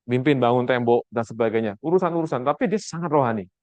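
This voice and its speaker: A man's voice: medium pitch, fast talker, darkish tone, no room sound. A man teaching a Bible class over a video call, with an Indonesian accent, quizzing his students and acting out the quotes he tells. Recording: dull lo-fi video call audio.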